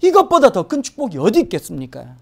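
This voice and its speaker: A woman pastor preaching a Sunday sermon in a church, swinging from hushed asides to emphatic exclamations. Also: fairly high pitch, wildly swooping pitch, fast, vocal fry, husky. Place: church sanctuary.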